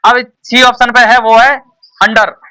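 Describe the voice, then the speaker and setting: A man's voice: very high-pitched, level tone, measured pace, bright, forceful tone, smooth, far from the mic. A man teaching an exam-prep lesson to a class, repeating each point and quizzing the pupils. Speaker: tuition teacher.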